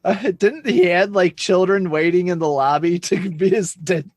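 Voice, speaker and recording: A man's voice: high voice, moderate pace, no echo, clean studio sound. A man co-hosting a casual podcast chat, laughing often and agreeing readily. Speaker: podcast co-host.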